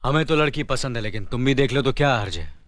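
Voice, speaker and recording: An actor playing a dignified village-head elder brother, speaking in a measured, solemn way in a Hindi film. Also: male voice, mid-range voice, lively intonation, fairly bright tone, no room sound, clean studio sound, natural voice. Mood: genial. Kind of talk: 1990s Hindi film dialogue.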